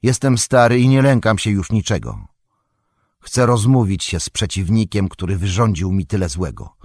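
Weary old king, grave and measured, low husky tone , from a man reading. Audiobook. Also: sing-song, a little mellow, no echo. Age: older.

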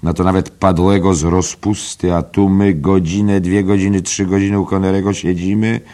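A man's voice: low voice, unhurried, a little mellow, voice pushed up. A man voicing a boisterous, mocking young jester who whines in a mock-archaic way. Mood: mock whining.

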